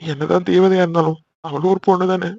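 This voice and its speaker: A man's voice: high-pitched, fairly even intonation, fast talker, creaky, a little mellow, no echo, lo-fi sound. A man voicing a young brother who bickers with his sisters in a cartoon, exasperated and chatty. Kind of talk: cartoon voice acting.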